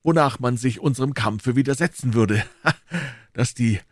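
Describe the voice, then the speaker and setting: A man's voice: medium pitch, measured pace, no echo, clean studio sound, voice pushed up, close to an everyday voice. A man doing a dignified noble musketeer. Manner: dignified, gracious.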